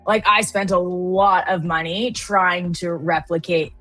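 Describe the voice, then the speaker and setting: A woman's voice: fairly low pitch, fairly even intonation, unhurried, a bit bright, faint music behind, poor audio. Chatty Midwestern woman trading host. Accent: Upper Midwest American. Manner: chatty, uses many fillers. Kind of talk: live market commentary.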